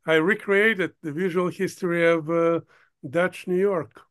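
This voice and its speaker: An older man from Ukraine, a producer, talking as an interview guest in a halting way, stopping often to search for words. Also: fairly high pitch, steady tone, a bit bright, clear, resonant tone. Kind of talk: casual interview talk.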